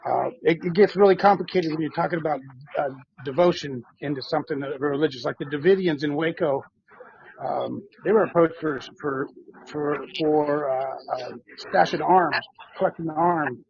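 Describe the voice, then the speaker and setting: A man's voice: a little high, normal speed, gravelly, slightly rough, highs cut off. A man calling in to a live stream, hesitant, with many fillers, correcting the host. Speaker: caller. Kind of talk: casual call-in chat.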